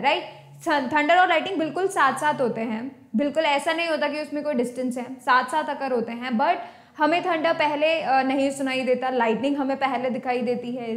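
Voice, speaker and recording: A woman's voice: high-pitched, echoey room. A woman with an Indian accent, teaching a science lesson and mixing Hindi and English, often checking in with the class. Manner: mixes Hindi and English, checks in with "right?" and "thik hai?". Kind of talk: online class lecture.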